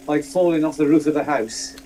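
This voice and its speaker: An older man, talking in a relaxed, mellow voice that sits a little high for a man. He rambles through his stories with plenty of restarts, and a faint noise runs underneath. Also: brisk, rough recording. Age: 60s. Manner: rambling, self-deprecating storyteller. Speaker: guest. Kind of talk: casual chat.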